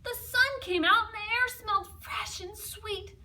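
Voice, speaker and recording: A woman reading a children's picture book aloud expressively, with dramatic emphasis and hushed asides to young listeners. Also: very high voice, a little slow, distant mic. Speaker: storybook reader.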